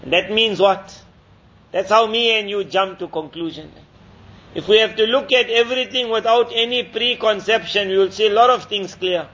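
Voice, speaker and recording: A man's voice: sits high, normal speed, pushed and bright. A male preacher telling a story in a sermon and drawing moral lessons with repeated, emphatic phrases, in a slightly muffled recording.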